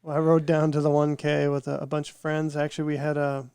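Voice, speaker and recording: A man's voice: fairly high pitch, completely flat delivery, a little fast, gravelly, a little mellow, smooth, no echo. A man co-hosting a podcast, talking casually and rambling, his voice nasal from a cold. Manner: rambling, repeats words as he thinks. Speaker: podcast co-host. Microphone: podcast microphone with headphones.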